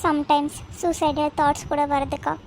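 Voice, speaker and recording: Tearful young mother in a cartoon, weary, grumbling, fairly high voice, a woman acting her. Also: level tone, normal speed, darkish tone, slight background noise. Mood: despairing. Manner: complaining and snapping back.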